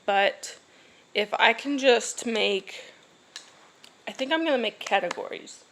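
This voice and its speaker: A drowsy woman in her thirties, a family vlogger, chats casually to camera in a slightly high, bright voice with lively intonation and vocal fry, over slight background noise. She rambles haltingly with restarts, sighing, yawning and laughing.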